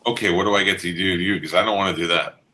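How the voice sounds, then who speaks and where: A man on a video call whose voice comes through a built-in computer mic, sounding thin and tinny with no bass. He trades crude, playful banter about a bet. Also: steady tone, rapid-fire, bright, forceful tone, slight background noise. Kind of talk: joking banter. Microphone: built-in laptop computer mic on a video call.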